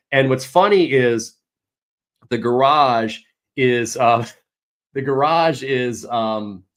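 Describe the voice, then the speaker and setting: A man hosting a casual livestream Q&A as a real estate agent, telling animated stories and swearing mildly. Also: mid-range voice. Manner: chatty, animated storytelling with mild swearing.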